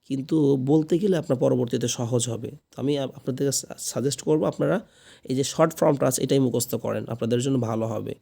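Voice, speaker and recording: A man teaching a spoken English lesson, patiently repeating phrases slowly for learners. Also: medium pitch, gravelly, warm tone, slightly rough.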